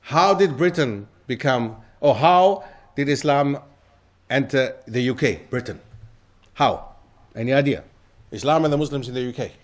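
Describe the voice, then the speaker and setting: With an expressive, medium-pitched voice and a moderate pace, a man lectures a live audience in a lecture hall. He regularly breaks off to quiz the people listening.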